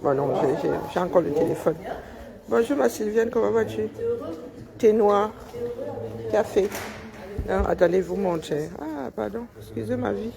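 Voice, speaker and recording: A woman with a Cameroonian French accent speaks at a middle pitch in a gravelly, creaky voice. Her banter is loud and teasing, as if she is joking with coworkers. She films on a phone in a workplace break area, and colleagues chat clearly behind her. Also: moderate pace, pauses often, crowd noise. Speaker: vlogger filming coworkers. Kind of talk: casual workplace vlog chat. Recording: coworkers chatting in the background.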